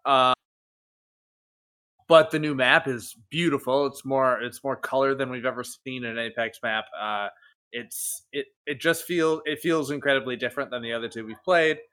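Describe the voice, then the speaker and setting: A man's voice: mid-range voice, moderate pace, pushed and bright. A man co-hosting a casual gaming podcast, teasing the others and rambling on with lots of ums. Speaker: podcast co-host.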